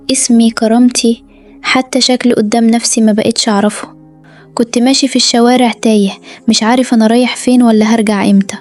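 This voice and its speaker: A woman with an Egyptian Arabic accent tells a confession story in the first person, her voice set a bit high and her pace brisk. She keeps an earnest, confiding tone and slips into soft whispers now and then, over faint music. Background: faint background music.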